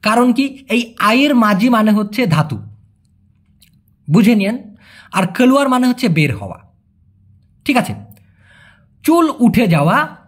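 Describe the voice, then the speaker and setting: A man teaching a casual language lesson, chatty and joking, often asking his listeners whether it is clear. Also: high voice. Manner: chatty, explains with repeated questions and jokes.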